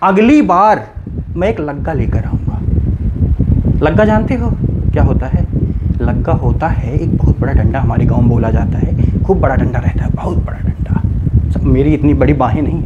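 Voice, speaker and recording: A man teaching a video lesson, explaining grammar in an animated way and playfully scolding his students in jest. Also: mid-range voice, dull audio, heavy background noise. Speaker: English teacher.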